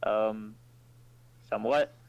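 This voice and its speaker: A man's voice: fairly low pitch, steady tone, slow, vocal fry, darkish tone, clear, resonant tone, muffled recording. A man chatting casually and hesitantly as a player in a tabletop game.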